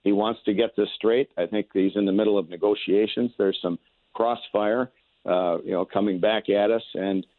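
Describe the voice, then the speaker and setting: Man, American accent, fairly low pitch, political interviewee, folksy stump phrasing, narrow phone-line sound. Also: fairly even intonation, moderate pace, dry recording. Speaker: political candidate, radio guest. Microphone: telephone.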